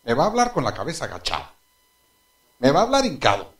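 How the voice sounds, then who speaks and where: He's a fast talker with a voice on the high side. Preaching to his congregation, this pastor tells animated stories, laughs at his own anecdotes, and asks people questions directly.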